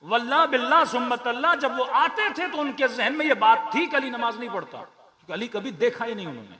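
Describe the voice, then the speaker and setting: A man's voice: very high-pitched, expressive, brisk, pushed and bright. A man with a Pakistani Urdu accent preaching a majlis sermon to a congregation, declamatory, with rhetorical questions and rhythmic repeated lists. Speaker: Shia preacher. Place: large prayer hall with a gathered audience. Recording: echoey hall with crowd sounds.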